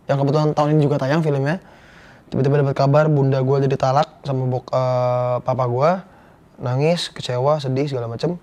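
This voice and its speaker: A young man with a lilt speaks as an interview guest, candid and slangy, with an earnest storytelling manner. His voice sits at a middle pitch for a man, plain and easy to follow. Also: little pitch movement, a little fast, darkish tone. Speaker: guest actor. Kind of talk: casual interview chat.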